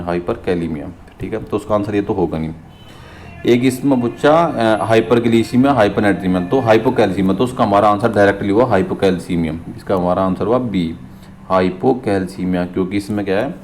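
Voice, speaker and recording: A man with a low, mellow voice works through nursing exam questions. He reads the English question slowly, then explains it in Hindi, repeating key terms and checking in with viewers as friends. A faint hiss sits under the recording. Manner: addresses viewers as friends, frequent "theek hai" check-ins.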